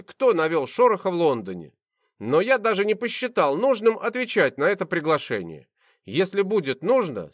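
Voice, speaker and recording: A man reading a first-person audiobook in an expressive, animated way, into a close studio mic. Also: on the high side, dry recording. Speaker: audiobook narrator.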